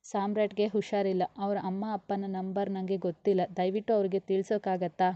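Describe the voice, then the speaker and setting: A woman voicing a gentle young wife who pleads softly beside her sick husband. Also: medium pitch, little pitch movement, a little fast, no room sound, highs cut off, natural voice. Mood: worried.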